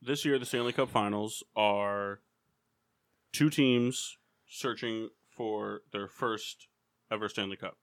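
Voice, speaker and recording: A man hosting a casual sports and beer podcast, running a trivia game in a halting, rambling way with lots of ums. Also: lowish voice, steady tone, fairly bright tone. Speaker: podcast host. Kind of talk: casual drinking podcast chat.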